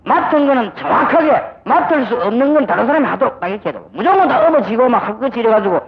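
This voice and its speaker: A man's voice: extremely high pitch, expressive, fast talker, slightly rough. An older man preaching a sermon as pastor, with a Gyeongsang accent and emphatic delivery, acting out little dialogues. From Busan, South Korea. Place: church sanctuary. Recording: dull old audio recording.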